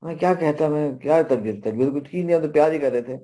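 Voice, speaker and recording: A man's voice: fairly high pitch, warm tone. A middle-aged man with a Pakistani accent leading a parenting workshop, talking in a conversational way with personal stories and frequent asides. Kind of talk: workshop lecture.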